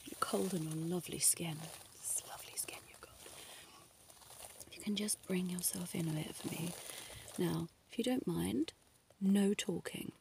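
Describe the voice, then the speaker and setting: A woman playing a flirty, coy female doctor in an ASMR role-play, murmuring softly and intimately right in the listener's ear and slipping into speaks softly. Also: on the low side, normal speed, creaky, background noise. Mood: coaxing, intimate. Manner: coy, playfully bossy. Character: flirty, teasing female doctor giving a check-up.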